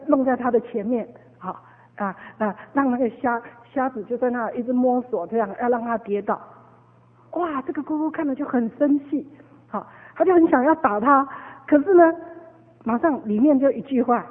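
A woman's voice: on the high side, breathy edge. A woman preaching a sermon, telling a story with many fillers and repeated words. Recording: tinny phone-like echoey hall.

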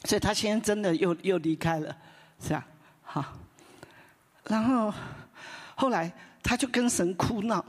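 Husky-voiced woman pastor in a reverberant hall. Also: mid-range voice, unhurried, long pauses. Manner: conversational, tags phrases with a soft "ha"; lively retelling with many restarts. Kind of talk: sermon storytelling.

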